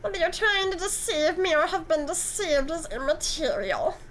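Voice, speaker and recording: Smug, condescending male dealer in a game, drawn-out sneering lines, high and sharp; a woman voices him. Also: expressive, slight background noise, low-quality recording. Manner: drawling, theatrical, sneering.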